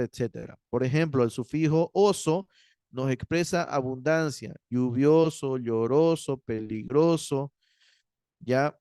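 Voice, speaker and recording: A man teaching a Greek grammar class, explaining patiently and checking in with his students, slowing down to spell out word endings. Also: on the high side, a little mellow, clean tone, no room sound, studio quality. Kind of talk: university Greek grammar lecture.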